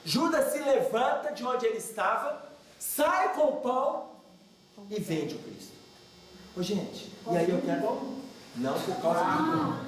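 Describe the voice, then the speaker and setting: Man, religious lecturer, animated, questions the audience, lively pitch, echoey hall, distant mic. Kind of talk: religious study talk.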